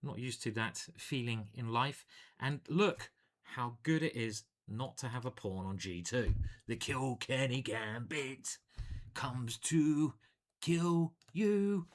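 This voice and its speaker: Speaking slowly in a mid-range voice, a man who is a chess grandmaster chats playfully while casually commentating his own online games. He hums and sings little jingles along the way.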